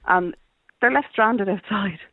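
Middle-aged Dublin man, casual radio caller, gravelly high-pitched voice over a tinny telephone. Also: a little slow, dry recording. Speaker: phone-in caller. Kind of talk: casual chat. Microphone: phone. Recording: tinny, dry phone line.

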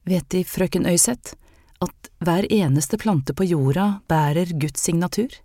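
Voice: medium pitch, warm tone, no room sound, studio quality, lightly acted. A narrator voicing Anne, an anxious young maid with a secret healing gift, speaking earnestly and hesitantly in an audiobook. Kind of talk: audiobook character reading.

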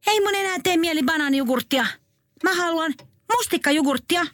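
A woman's voice: very high-pitched, a bit bright. A woman voicing a spoiled, demanding little girl in a comic radio story, whiny and stubborn.

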